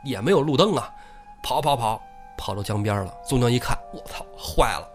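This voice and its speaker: A man hosting a comic storytelling podcast, retelling an old tale in lively, colloquial speech. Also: medium pitch, brisk, faint music behind. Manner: lively, colloquial, swearing casually.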